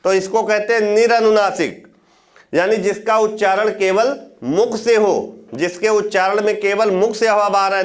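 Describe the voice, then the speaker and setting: A male teacher gives a classroom lecture on Hindi grammar, his voice sitting high. He poses questions to the class, answers them himself, and slowly repeats words to show how they sound.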